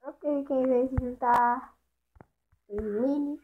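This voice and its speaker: Mineira woman hosting a gaming channel, higher voice, chatty play-by-play, tinny lo-fi mic. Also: slow pace. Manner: chatty, talks to the animals and viewers as she plays. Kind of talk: casual Minecraft gameplay commentary. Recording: tinny lo-fi mic with faint hiss.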